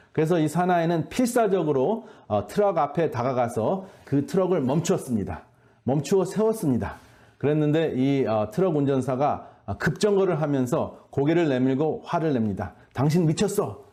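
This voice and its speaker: A man giving an earnest, measured faith-based health lecture, often pausing on hesitation sounds. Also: on the high side, dark tone. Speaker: lecturer at a health boot camp.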